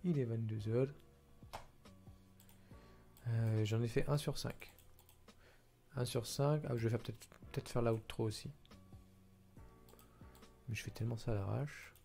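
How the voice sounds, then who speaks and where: A man's voice: medium pitch, steady tone, unhurried, creaky, long pauses, mellow, faint music behind. A tired man thinking aloud with hesitation as he edits a video at his computer. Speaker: video editor commenting his work. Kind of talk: casual screen-recording commentary.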